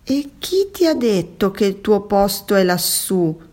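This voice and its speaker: A woman voicing a protective tuna in a children's story, speaking firmly and loudly. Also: mid-range voice, big pitch swings, measured pace, pitched above the performer's own voice. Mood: gentle. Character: kind, friendly big tuna.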